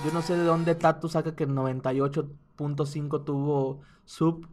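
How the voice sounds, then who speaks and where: A man with a Mexican accent, hosting a casual, joking commentary on rap battles in an animated, slangy way. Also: a little high, normal speed, background noise. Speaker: host.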